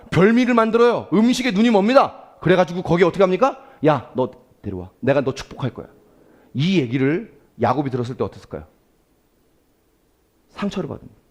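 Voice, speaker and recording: A male pastor giving a Sunday sermon, asking the congregation questions and acting out quoted prayers. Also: high voice. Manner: animated preaching, asks the congregation questions; acts out quoted prayers and speech.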